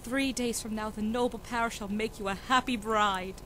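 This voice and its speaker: A woman playing a cold, impatient noble mother who talks to her daughter briskly and sternly. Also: a little high, steady tone, fairly bright tone, a little hiss or hum, natural voice, low-quality recording. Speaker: student actor in a school reading.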